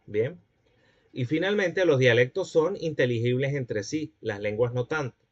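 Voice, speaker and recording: A man's voice: medium pitch, a little slow, dull audio. A man giving a classroom lecture, explaining points and checking that students follow.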